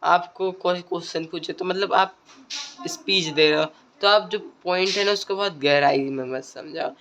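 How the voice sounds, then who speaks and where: A man's voice: sits high, moderate pace, bright, forceful tone, slight background noise. Male creator, casual tutorial delivery, repetitive, filler-heavy, conversational. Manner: repeats phrases, frequent tag questions and fillers. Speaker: video creator giving speaking tips.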